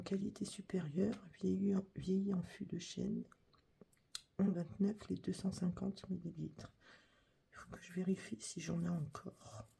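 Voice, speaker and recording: A woman reading a supermarket catalogue aloud as whispered ASMR, with a breathy whisper and soft, chatty asides. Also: lowish voice, slight background noise. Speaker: catalogue reader.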